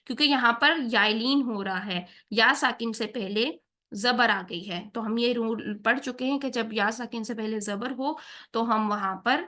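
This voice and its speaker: A woman teaching tajweed, who explains each rule patiently, checks in with her learners often and slows down to recite the examples. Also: fairly high pitch, pushed and bright. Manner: patient, checks in with "theek hai?" after each point.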